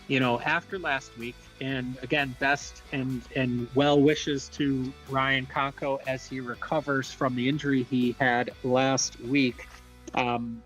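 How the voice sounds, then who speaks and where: A man's voice: medium pitch, fairly bright tone, poor audio. A man hosting a live sports broadcast as play-by-play announcer, casual and chatty, with a self-deprecating way of talking.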